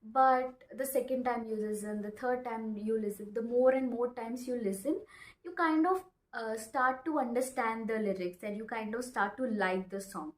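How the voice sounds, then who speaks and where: A woman in her twenties with an Indian accent, who isn't a native English speaker, gives an informal English lesson to camera in a slightly high voice at moderate pace. She's emphatic, repeats phrases and checks in often, recorded in an echoey, small bare room.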